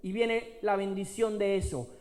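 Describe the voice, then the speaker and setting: A man preaching a sermon, slowing down and stretching key words for emphasis and repeating phrases. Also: high voice, level tone, darkish tone, long reverb tail.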